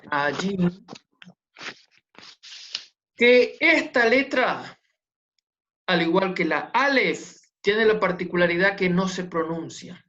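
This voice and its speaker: Teacher, unhurried, patient, repeats points, checks in with the class, muffled lo-fi recording. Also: mid-range voice, expressive, a bit bright. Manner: patient, repetitive, checks understanding with tag questions. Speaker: Hebrew teacher. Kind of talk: online class lesson.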